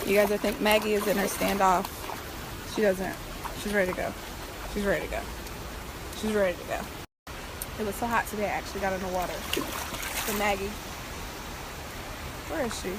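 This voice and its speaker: A woman vlogging on a park trail, telling a story in an animated, profane way while out of breath from hiking uphill. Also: medium pitch, normal speed, pauses often. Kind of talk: casual storytelling vlog. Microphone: handheld phone. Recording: outdoor phone audio with traffic noise.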